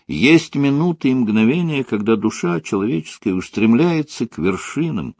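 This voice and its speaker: Expressive male audiobook reader. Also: mid-range voice, moderate pace, creaky, dry recording, studio quality. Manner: expressive, storytelling. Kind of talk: audiobook narration.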